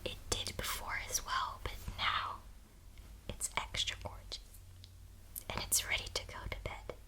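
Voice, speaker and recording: A woman doing a whispered role-play as a doting caregiver at bedtime, speaking tenderly and reassuringly in a breathy whisper. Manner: slow, tender, reassuring personal attention. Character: doting, soothing caregiver tucking someone in at bedtime. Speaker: ASMR host playing a caring bedtime companion.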